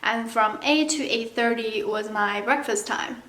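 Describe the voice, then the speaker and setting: Speaking at a measured pace, this language-learning vlogger from China has a slightly high, somewhat bright voice with a Chinese accent; Mandarin is her native language. She talks casually and candidly to the camera, throwing in playful acted-out asides, and the room sounds echoey.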